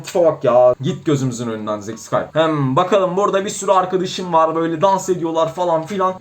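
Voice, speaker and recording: High-voiced chatty young gaming YouTuber man. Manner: chatty, joking, addresses viewers as friends; stumbles over foreign words. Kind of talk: let's play commentary.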